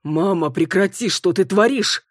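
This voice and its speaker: A woman's voice: deep voice, animated, moderate pace, a little mellow, husky, no room sound, studio quality. A woman voicing a hungover, irritated young man arguing with his mother. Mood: exasperated. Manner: exasperated.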